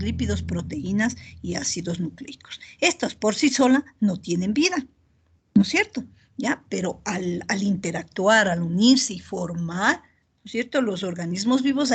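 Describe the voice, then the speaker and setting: A middle-aged woman teaching an online biochemistry class, often pausing to ask students if they follow. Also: medium pitch, breathy edge. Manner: checks in often with "¿ya?" and "¿verdad?"; steady explanatory pace with filler pauses. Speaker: university lecturer.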